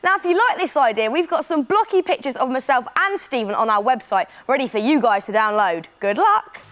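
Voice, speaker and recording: A woman's voice: high voice, lively intonation, fairly quick, slight background noise. Woman, kids' craft host, step-by-step, encouraging, bouncy. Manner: bright, encouraging, explains step by step. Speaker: children's TV craft presenter. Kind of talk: upbeat instructional presenting.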